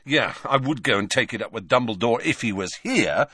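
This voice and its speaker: A man's voice: medium pitch, lively intonation, a little fast, sharp tone, breathy edge, no room sound, clean studio sound. A man voicing an eager, earnest teenage schoolboy wizard who talks urgently.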